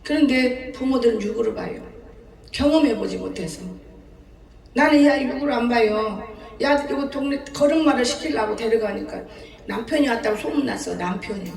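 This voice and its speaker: A woman's voice: on the high side, normal speed, creaky, a little mellow. A woman in her seventies, a pastor preaching a sermon in a folksy storytelling way, often laughing as she talks. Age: 70s. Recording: echoey church hall, distant mic.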